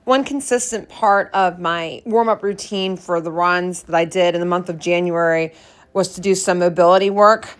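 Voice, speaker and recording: A woman's voice: lowish voice, moderate pace, clear, resonant tone, no room sound. A woman talking casually as a running vlogger about her day. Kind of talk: casual vlog talk.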